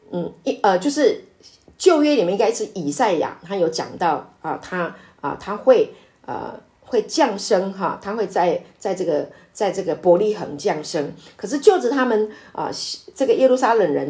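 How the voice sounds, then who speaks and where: A woman pastor leading a conversational Bible study, speaking with many drawn-out fillers and hesitations and rising to emphatic exclamations. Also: fairly low pitch, darkish tone.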